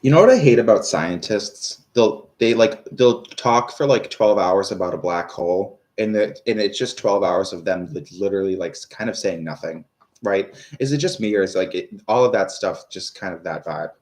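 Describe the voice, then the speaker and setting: Deep voiced guy doing tarot live, rambly, swears a lot, talks to chat. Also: normal speed, a little mellow. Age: 30s. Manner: rambling, swears, many fillers and restarts; talks to viewers, reads out their questions. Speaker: tarot reader.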